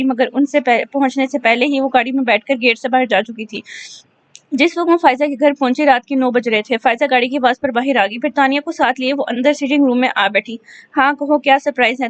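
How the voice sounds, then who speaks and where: A woman narrating a romance novel aloud in a steady storytelling manner, with small slips. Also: high voice, dry recording. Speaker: audiobook narrator. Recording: dull lo-fi recording.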